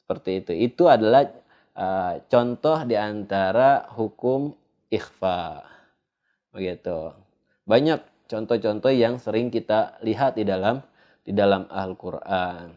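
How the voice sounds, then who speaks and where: A man from Indonesia teaching a tajwid lesson in a studio, unhurried and pausing on fillers as he explains. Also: lowish voice, warm tone, highs cut off. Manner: unhurried, hesitant with "eh" fillers, sings out drawn-out recited examples. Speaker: Quran recitation teacher. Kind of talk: slow tajwid lesson with recited examples.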